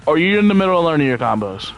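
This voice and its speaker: A man's voice: on the high side, big pitch swings, very fast, rough recording. Laid-back, slangy man over music. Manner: rambling, thinking out loud while playing. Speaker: game streamer. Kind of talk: casual gameplay commentary.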